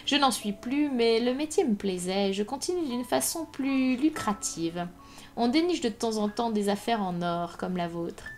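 A woman's voice: a little high, animated, a little slow. A woman reading aloud plays a cold, relentless male ex-police inspector who speaks dryly and with hard precision, over faint music. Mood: pressing. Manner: dry, hard, precise, menacing. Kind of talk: live audiobook reading.

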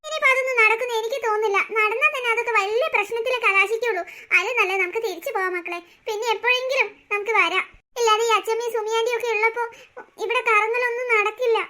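A woman voicing a gentle, patient young mother in a cartoon story, soothing and coaxing her children. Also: very high voice, steady tone, fast. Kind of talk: cartoon voice acting.

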